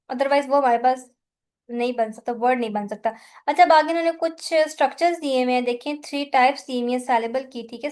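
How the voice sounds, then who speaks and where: High-voiced Pakistani woman tutor. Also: a little mellow. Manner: patient, repeats "thik hai" to check understanding. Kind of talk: explaining a lecture in mixed Hindi and English.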